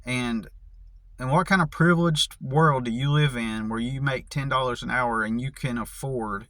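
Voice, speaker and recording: A man's voice: medium pitch, normal speed, fairly bright tone, no echo. Angry American guy venting to camera, swearing constantly and restarting sentences, mid-range voice, dry close sound. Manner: profane, angry ranting with many restarts. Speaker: vlogger. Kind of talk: casual vlog rant.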